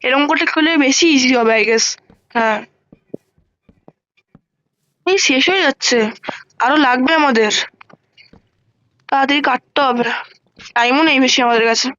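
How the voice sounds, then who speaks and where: A woman gives casual gameplay commentary at an unhurried pace. She chats, thinks aloud, counts blocks out loud and lets out quick exclamations when surprised. The sound is dull and lo-fi, like a basic home mic. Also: high voice. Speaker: gaming channel host.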